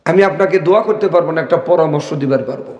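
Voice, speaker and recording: High-voiced preacher. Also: male voice, quick pace, dull audio. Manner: animated storytelling, urges crowd to respond, sudden shouts. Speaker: Islamic preacher. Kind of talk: humorous Bengali waz sermon. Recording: echoey hall over loudspeakers.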